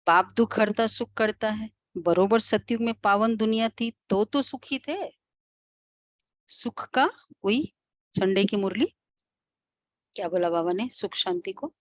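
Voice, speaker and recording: A woman's voice: medium pitch, unhurried, long pauses, no echo, highs cut off. Indian woman teaching a devotional class. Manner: explanatory, asks the class questions with soft hums. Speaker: spiritual teacher.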